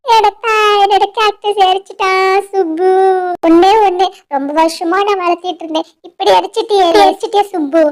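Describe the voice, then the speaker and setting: Woman doing a shrill young cartoon bird girl. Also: expressive, moderate pace, a little mellow, rough recording. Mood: tearful. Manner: shrill, wailing and fussy over her plant. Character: excitable young female bird, fond of her pet cactus. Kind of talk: cartoon voice acting.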